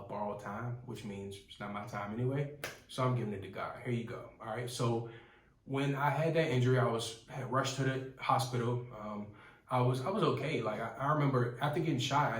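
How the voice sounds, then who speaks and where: A man's voice: medium pitch, a little hiss or hum. A man in his twenties giving an earnest, rambling personal testimony with frequent restarts. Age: 20s. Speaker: testimony speaker. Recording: roomy, from some distance.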